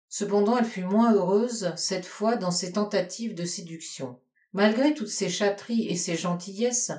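A woman's voice: medium pitch, mellow. Woman narrating a novel in an echoey room. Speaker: audiobook reader. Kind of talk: literary audiobook narration.

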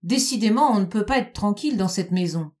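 A woman's voice: medium pitch, animated, a little fast, darkish tone, lightly acted. A woman reading a storybook and voicing an arrogant male pig who has made himself the farmer, commanding and scornful. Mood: bossy.

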